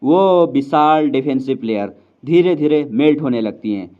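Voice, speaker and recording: A man narrating a fantasy story recap in a casual, chatty way, speaking to his viewers like friends. His voice sits at an ordinary middle pitch. The recording is slightly dull and lo-fi. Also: moderate pace. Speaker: storyteller explaining a novel.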